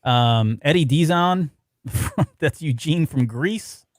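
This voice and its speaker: A man's voice: a little high, animated, takes it slowly, dry recording, clean studio sound. A man co-hosting a podcast, chatting casually about a novel, laughing often and rambling through memories. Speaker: podcast co-host.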